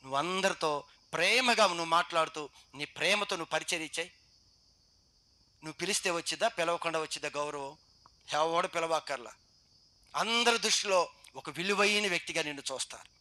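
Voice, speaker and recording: A man with a Telugu accent, working as a pastor, preaches a sermon to a youth meeting at a fairly high pitch. Quick rhetorical questions drive his exhortation, and his volume swings from loud to soft.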